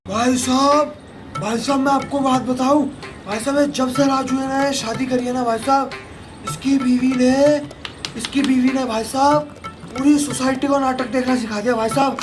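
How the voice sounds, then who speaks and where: Brief: man doing high-voiced nosy neighbor, meddling and repetitive, loud music bed. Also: steady tone, moderate pace. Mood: gossiping. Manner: repeats "brother" every phrase, gossipy. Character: gossiping middle-aged male neighbor, meddling and insistent. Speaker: comedy sketch actor.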